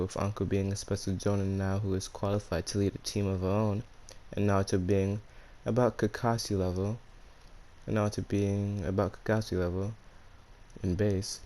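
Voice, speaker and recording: A man's voice: fairly low pitch, a little mellow. A man with a speech impediment that turns his R's into W's, hosting and narrating fan fiction in a casual, slangy way. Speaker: YouTube storyteller and channel host.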